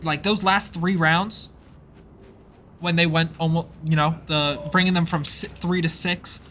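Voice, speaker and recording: A young man calls a live college esports match in fast, eager play-by-play, his fairly high voice jumping up whenever a play lands. He talks into a headset mic, and a light hiss sits under his voice. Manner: fast, excitable play-by-play with rising exclamations. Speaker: esports caster.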